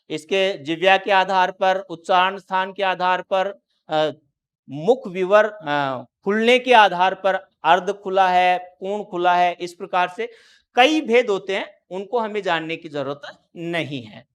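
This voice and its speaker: A man's voice: high voice, fairly bright tone, clear, resonant tone. A man teaching Hindi grammar in a classroom lecture. He explains step by step, keeps quizzing the students with repeated questions, and draws out syllables when he sounds out example words.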